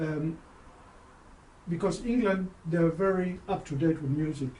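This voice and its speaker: A man DJ with a slightly high, mellow voice, talking in a loose interview with frequent restarts and repeated words. He sits back from the mic in an echoey room with faint ambient noise behind him. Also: a little slow. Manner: hesitant, repeats words while thinking. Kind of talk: casual interview. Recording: roomy sound, voice far from the mic, faint background ambience.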